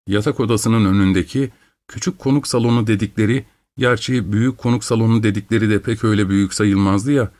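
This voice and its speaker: A man reads a first-person story aloud at a measured pace. His delivery is expressive and steady, in the manner of an audiobook narrator. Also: on the low side, no room sound.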